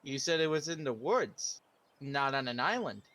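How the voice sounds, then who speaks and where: A man's voice: mid-range voice, expressive, moderate pace, fairly bright tone, a little hiss or hum. A man playing a tabletop game, bossy and confrontational with others at the table. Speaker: player.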